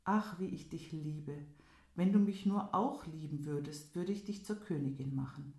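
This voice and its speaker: Lovesick young prince begging, a lady voicing him, loud and a bit higher, echoey room. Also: normal speed, natural voice. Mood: tender. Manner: pleading, impassioned. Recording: roomy echo.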